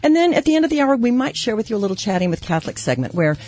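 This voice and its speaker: A woman's voice: fairly high pitch, big pitch swings, rapid-fire, a little mellow. Chatty woman radio host. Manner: upbeat, chatty, laughs easily. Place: radio studio.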